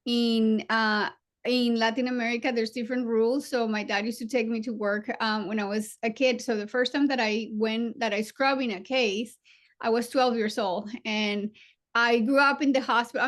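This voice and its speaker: A woman in her forties from Colombia with a Colombian Spanish accent, a surgeon being interviewed, speaking earnestly and reflectively with frequent pauses and fillers. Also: fairly high pitch, fairly even intonation. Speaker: guest surgeon. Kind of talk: interview conversation.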